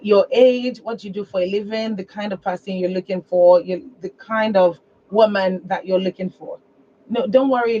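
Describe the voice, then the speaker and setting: A Nigerian woman talks conversationally as host of a call-in advice show. Her pitch is medium, and the broadcast sounds dull with some background noise. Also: warm tone.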